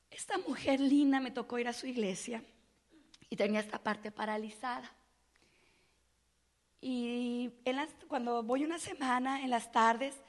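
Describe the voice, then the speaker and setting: Animated woman giving a church talk. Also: fairly high pitch, long reverb tail. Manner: animated storytelling, acting out quoted people. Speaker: speaker at churches. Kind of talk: sermon-style talk.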